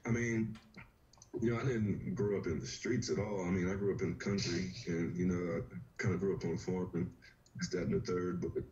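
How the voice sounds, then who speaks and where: A man in his thirties from rural Virginia, a fighter speaking as a podcast guest over a video call, laid-back and relaxed, peppering his stories with "you know". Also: low-pitched, a little fast. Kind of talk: casual interview. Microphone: webcam or laptop on a video call. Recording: dull, lo-fi video call audio.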